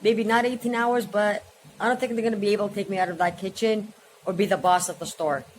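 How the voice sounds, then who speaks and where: A woman's voice: medium pitch, fairly even intonation, quick pace, slight background noise. A woman in her forties, a vlogger chatting casually at home and jumping from one subject to the next. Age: 40s. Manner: rambling, chatty, jumps between subjects. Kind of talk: casual vlog chat.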